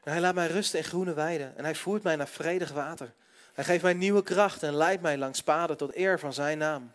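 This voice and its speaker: A man interpreting a sermon live, phrase by phrase, quickly following the preacher. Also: a little high, a bit bright.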